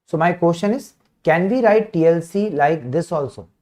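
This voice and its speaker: A man with a north Indian accent giving an informal live online medical lecture, repeating phrases, checking in with students and often clearing his throat. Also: on the high side, moderate pace, darkish tone. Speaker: medical teacher.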